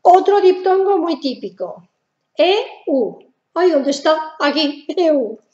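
A woman's voice: high-pitched, expressive, takes it slowly, mellow, reverberant, lo-fi sound. A woman with a Spanish accent from Spain teaching German pronunciation in a casual video lesson, patient and repeating each sound.

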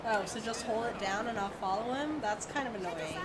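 A woman's voice: mid-range voice, expressive, a little fast, very noisy. A woman streaming a game, giving playful casual commentary and reading on-screen text aloud.

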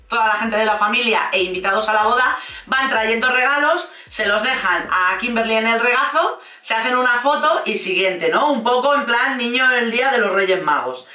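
A woman's voice: a little high, sharp tone. A woman with a Spain Spanish accent giving casual, sarcastic commentary on a reality show, swearing freely and acting out the lines she quotes. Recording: roomy echo, a bit distant from the mic.

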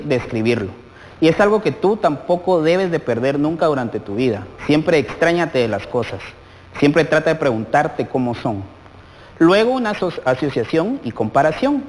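A man's voice: fairly high pitch, long reverb tail, slight background noise, poor audio. A man teaching a televised lesson to young children, asking them many questions directly. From Guatemala.

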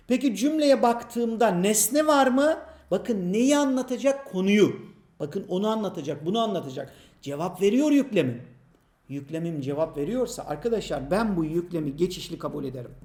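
Male teacher with a high voice, patient exam prep grammar lesson, asks and answers his own questions, echoey room. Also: darkish tone. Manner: addresses imagined students by name.

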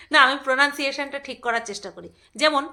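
A woman's voice: sits high, bright, forceful tone. A woman vlogging in a casual, rambling chat, laughing often and breaking into song. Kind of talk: casual chat with snatches of singing.

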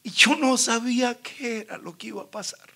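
A man preaching a sermon, telling his own story with lively, acted-out dialogue and frequent laughter. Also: very high voice, moderate pace, husky. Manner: animated storyteller, acts out dialogue, laughs often. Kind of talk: sermon with personal testimony.

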